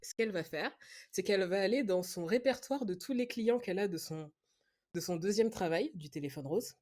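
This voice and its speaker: A woman in a relaxed online chat among friends, talking in a middle pitch. She explains things with animation and laughs often as she goes. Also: a little fast. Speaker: podcast co-host presenting a film pick. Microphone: online call setup.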